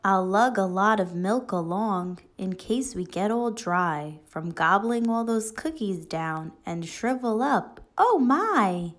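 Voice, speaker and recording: A woman with a mid-range voice reads a picture book aloud to children the way a teacher would, expressive and deliberate in a child-directed storytelling style.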